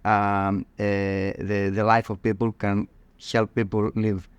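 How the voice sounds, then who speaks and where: Halting Greek-accented man, smooth voice. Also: lowish voice, level tone, dry recording, lo-fi sound. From Greece. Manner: halting, many fillers and restarts. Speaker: cardiologist guest. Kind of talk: podcast interview.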